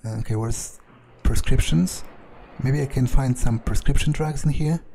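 A gravelly, mellow voice of medium pitch carries this unhurried in-character monologue, as a gamer ponders his character's thoughts aloud with hesitation and muttered swearing. Slight background noise is audible.

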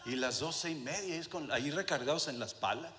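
A male pastor preaching a sermon, moving between quiet asides and shouted passages, with English phrases dropped in. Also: on the high side, expressive, a little fast. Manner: swings from soft to shouted preaching, with asides to the congregation. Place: church sanctuary. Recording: reverberant church hall with faint room noise.

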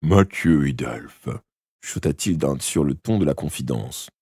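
A man with a low, husky voice reads an audiobook on a live stream. His delivery is lively and expressive, with small slips he corrects. The sound is dry and close. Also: moderate pace, no room sound. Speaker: audiobook narrator.

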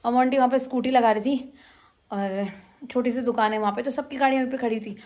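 A young woman vlogging at home, telling a lively story to her viewers in a casual chat. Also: on the high side, fast talker. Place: home, indoors.

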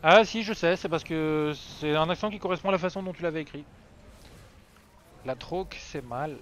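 A man's voice: a little high, quick pace, fairly bright tone, slight background noise. A man chatting casually on a game live stream, rambling and self-mocking with lots of fillers. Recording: dry, slightly dull lo-fi sound.

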